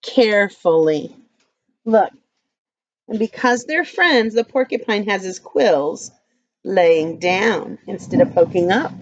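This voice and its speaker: A woman's voice: mid-range voice, lively intonation, takes it slowly, muffled recording, slight background noise. A woman leading circle time as a teacher, talking and reading to toddlers in simple, repeated phrases and questions. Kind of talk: reading and singing along to young children.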